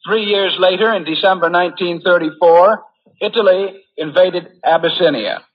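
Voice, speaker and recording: Heard on a muffled, low-fidelity 1940s radio recording, a man from the United States speaks at normal speed in a high, husky voice. He's a war correspondent reading an earnest, formal prepared address.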